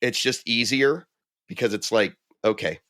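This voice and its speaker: A man's voice: medium pitch, a little slow, sharp tone, no echo. A middle-aged man co-hosting a podcast chats casually in a mid-range voice. He tells his stories with animation and acts out the quoted voices as he goes. The sound is close and dry. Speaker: podcast co-host. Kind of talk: casual chat.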